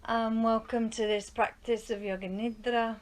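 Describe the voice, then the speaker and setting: Her voice sits on the high side and stays flat as she leads a live group yoga nidra relaxation in a rural studio, gentle and slow with long pauses. Phrase endings often drop to a breathy near-whisper, and faint background noise mixes with birdsong and ambience from outdoors.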